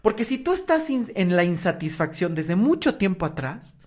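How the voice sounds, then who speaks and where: A man's voice: sits high, sing-song, moderate pace. Man giving relationship advice. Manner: acts out quoted voices, rhetorical questions. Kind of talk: advice monologue.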